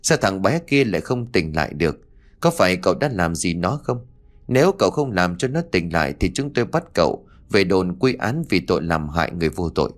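A man's voice: low-pitched, sing-song, fairly quick. A man voicing a harsh police officer who angrily questions a suspect in an audio story. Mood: accusing. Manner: harsh, accusing.

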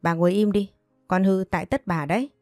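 A woman voicing an angry older village father who shouts and scolds harshly. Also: mid-range voice, a little fast, dry recording, clean studio sound, soft background music, lightly acted. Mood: furious.

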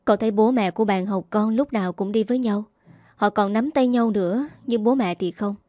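A hurt, sulky little boy in a spoken story, pleading and accusing, as a woman reads his lines. His lines come in a warm, mellow tone. The recording is dry. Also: medium pitch, a little fast, no room sound, natural voice.

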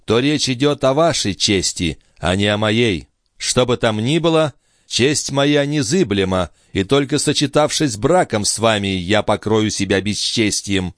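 A man voicing a proud young noblewoman, distraught and furious, crying out in a raised falsetto. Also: expressive, brisk, hardly any pauses, no echo, studio quality, natural voice. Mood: haughty. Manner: shrieking, sobbing cries in a raised falsetto. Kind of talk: dramatic audiobook reading.

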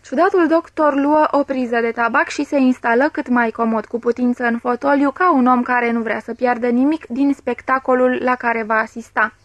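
A woman narrating a literary audiobook in a measured, even way, recorded close on the mic. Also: fairly high pitch, dry recording, lo-fi sound. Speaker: audiobook reader.

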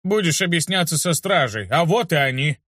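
A man's voice: fairly high pitch, lively intonation, fairly quick, fairly bright tone, no echo, studio quality, pitched above the performer's own voice. A man voicing a boastful teenage warrior who bullies a newcomer, in a blustering, demanding manner. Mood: smug. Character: boastful teen warrior bullying a newbie.

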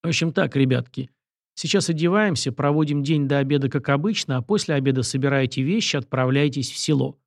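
A man's voice: medium pitch, fast talker, creaky, no room sound, clean studio sound, close to an everyday voice. A man voicing a firm, decisive young prince who gives orders in a commanding way.

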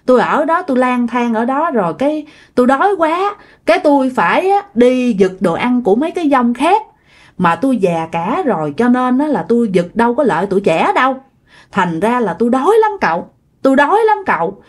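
A woman's voice: a little high, big pitch swings, normal speed. Woman voicing a wailing old ghost woman. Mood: mournful. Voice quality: thick, husky old voice. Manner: whiny, pleading, repeats herself.

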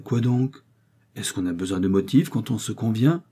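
A man's voice: fairly low pitch, animated, normal speed, dark tone, slightly rough. A man reading aloud and voicing a jovial, insinuating Parisian schemer. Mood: wheedling.

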